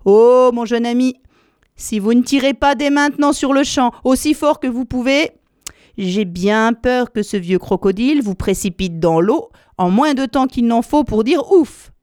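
A woman voicing an irritable rock python who talks loudly and snappishly. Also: on the high side, measured pace, no room sound, studio quality, pitched above the performer's own voice, natural voice. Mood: urgent. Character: irritable rock python, later a helpful elder.

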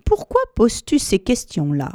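A woman voicing a sly, hungry male crocodile who speaks in a low, hushed, coaxing way. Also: huge pitch swings, moderate pace, no room sound, studio quality.

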